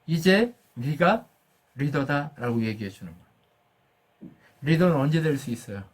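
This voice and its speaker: A man's voice: on the high side, expressive, unhurried. A man preaching a sermon as a pastor. He asks the congregation questions, answers them himself, and acts out God's words with rising force.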